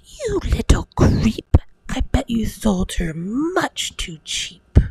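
A woman voicing an angry, scornful mother in a hushed bedtime storybook reading, with a breathy, strained voice. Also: fairly high pitch, sing-song, takes it slowly, in a whisper, voice pushed up, exaggerated voice, low-quality recording. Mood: outraged.

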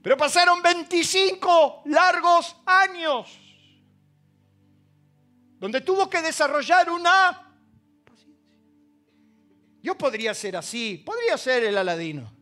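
Argentine male pastor, very high, bright voice, storytelling sermon with acted-out quotes, faint music underneath. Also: expressive, unhurried. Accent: Argentine Spanish. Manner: storytelling, acting out quoted dialogue; swings from loud emphasis to hushed asides. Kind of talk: sermon with told anecdotes.

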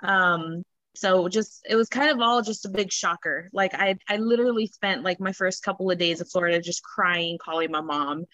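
A woman's voice: lowish voice, moderate pace, fairly bright tone, no room sound, low-quality recording. A young woman, a podcast guest, talking casually with many fillers. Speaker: spouses club president, guest.

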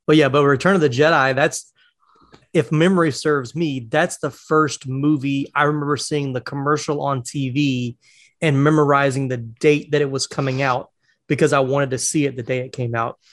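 A man's voice: medium pitch, steady tone, moderate pace, fairly bright tone, no room sound, studio quality. A man in his forties from North Carolina, chatty in casual podcast talk, who laughs easily. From North Carolina, USA. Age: 40s.

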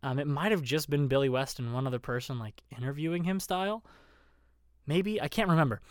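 A man's voice: fairly high pitch, brisk, smooth, dry recording, studio quality. A man telling a rambling, profane story in casual chat, full of fillers and self-deprecating asides.

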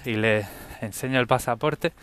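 Podcast host from Spain with a Spanish accent, a young man with a bright, forward tone, chatty and animated as he voices the people in his story. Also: mid-range voice, normal speed, clear, resonant tone. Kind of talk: casual anecdotal storytelling.

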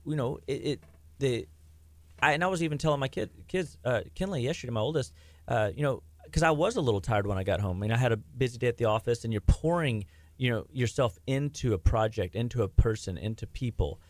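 Talking quickly with lively intonation at medium pitch, a middle-aged man in health practice rambles through a casual podcast chat. He restarts often and leans on fillers, and the recording is dry.

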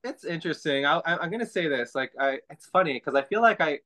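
Male guest, earnest and halting, a little hoarse, voice on the higher side. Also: expressive, sharp tone, poor audio. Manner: earnest, halting, many restarts and fillers. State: hoarse today. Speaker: guest, activist and songwriter. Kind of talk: casual interview chat.

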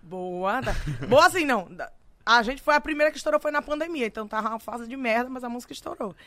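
A Brazilian woman singer telling stories in casual, slangy chat, animated and laughing often. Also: a little high, fast talker, no echo. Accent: Brazilian Portuguese. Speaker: singer guest.

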